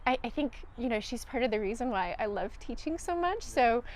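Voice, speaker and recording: A woman's voice: a little high, expressive, fairly quick, a little hiss or hum. Earnest woman guest from Romania. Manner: earnest, reflective, with "um" fillers. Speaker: guest, researcher and college teacher. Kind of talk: personal storytelling in an interview.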